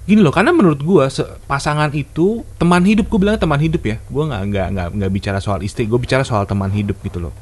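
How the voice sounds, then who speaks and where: A man co-hosting a casual podcast chat, giving his own views in a relaxed, reflective way. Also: mid-range voice, quick pace. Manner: relaxed, reflective, gives his opinion plainly. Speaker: podcast co-host.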